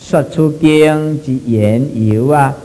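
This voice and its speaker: A man with a Taiwanese accent giving a Buddhist sutra lecture, stretching his phrases, peppering them with drawn-out fillers and slipping into Hokkien. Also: on the high side, mellow, in a large hall, low-quality recording. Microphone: microphone.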